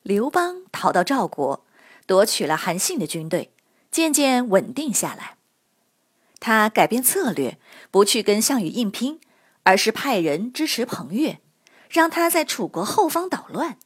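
A woman narrating history stories for children in a lively, expressive storytelling manner. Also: fairly high pitch, a little slow, breathy edge.

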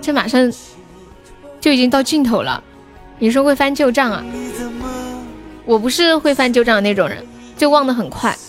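A woman's voice: high-pitched, animated, moderate pace, pauses often, soft background music. A young woman hosting a livestream, chatting casually and playfully teasing her viewers with advice. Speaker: livestream singer and host.

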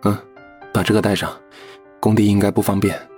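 A man voicing a gentle young pop idol in an audiobook, speaking in a soft, low-key way. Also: little pitch movement, a little fast, soft background music, lightly acted.

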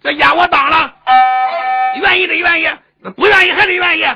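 A man voicing a bold, blustering old general who shouts and coaxes. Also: extremely high pitch, fairly even intonation, moderate pace, vocal fry, over loud music, pitched above the performer's own voice. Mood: bossy.

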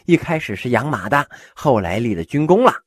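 A stubborn, status-proud uncle of an emperor, played by a storyteller who stammers as he insists. The voice is husky and swings widely in pitch. It sounds close and dry. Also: big pitch swings, a little fast, no echo. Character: proud, humiliated imperial uncle.

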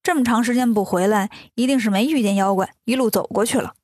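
A woman's voice: fairly high pitch, fast talker, darkish tone, no room sound, clean studio sound, natural voice. A woman playing a cheeky teasing monkey king. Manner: teasing, playful. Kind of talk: children's storytelling.

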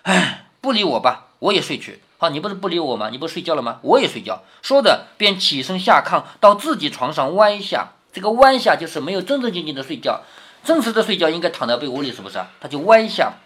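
Guy retelling an old novel for kids, chatty, keeps asking right?, pitch moves around a lot. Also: big pitch swings, fast, fairly bright tone, breathy edge. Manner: explains as he goes, tag questions to the listener. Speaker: storyteller retelling a classic novel. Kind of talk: casual storytelling for children.

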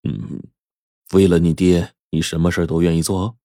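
A man's voice: low-pitched, level tone, warm tone, no room sound, clean studio sound. A man voicing a middle-aged village schoolteacher who sighs and weighs his words while hatching a plan. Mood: sighing. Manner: sighing, measured.

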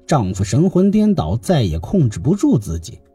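A male storyteller reads a classical tale with a very lively, swooping melody. His voice is dark and husky, recorded close and dry, and faint music plays beneath him. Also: medium pitch, moderate pace, no echo. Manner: lively expressive reading. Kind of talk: scripted narration of a classical tale.

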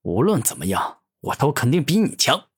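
A man's voice: medium pitch, huge pitch swings, normal speed, breathy edge, heavily acted. A man voicing an arrogant, furious male monster warlord who growls angry threats in a fantasy audio story. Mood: boastful.

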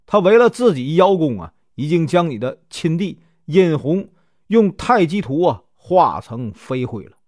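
A man's voice: a little high, very animated, unhurried, a little mellow, no echo, studio quality. A man storyteller voicing a sly, scheming male sorcerer who coaxes and insinuates. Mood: coaxing.

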